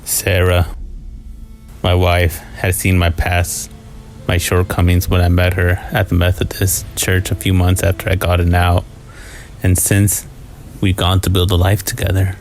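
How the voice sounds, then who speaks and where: Low, haunting man narrating horror. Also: monotone, a little slow. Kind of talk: scripted first-person scary story narration. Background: music.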